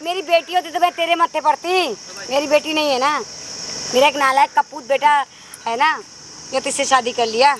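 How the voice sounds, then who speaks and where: A woman's voice: sits high, steady tone, moderate pace, fairly bright tone. A woman playing a cruel older mother-in-law, taunting and bullying her son's wife in a staged outdoor confrontation. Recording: outdoor noise, crickets and insects.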